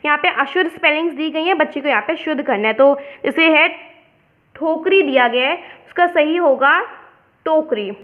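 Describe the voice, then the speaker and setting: A woman's voice: high voice, a little fast, hardly any pauses. A woman teacher from India explaining a worksheet step by step, mixing English words into her lesson. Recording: dull lo-fi sound.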